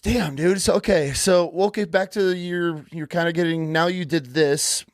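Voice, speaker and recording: A man's voice: fairly high pitch, moderate pace, no room sound, clean studio sound. A man from upstate New York hosting a podcast in casual, enthusiastic chat, often jumping in. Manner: enthusiastic, encouraging, interjecting often. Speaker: podcast host.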